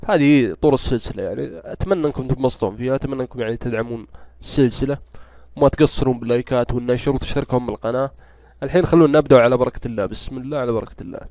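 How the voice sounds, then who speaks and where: Stuffy-nosed Saudi man, fast chatty gamer. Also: mid-range voice, darkish tone, no echo. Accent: Saudi Gulf Arabic. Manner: rambling, grumbling, chatty. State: congested, stuffy-nosed from a cold. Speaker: gaming YouTuber. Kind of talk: casual gameplay commentary.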